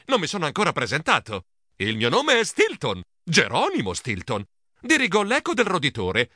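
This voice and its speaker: Excitable male narrator for a kids' storybook, bright tone, fairly high. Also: slight background noise. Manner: animated, excitable, shrieks in character. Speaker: audiobook narrator. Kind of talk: first-person children's audiobook narration.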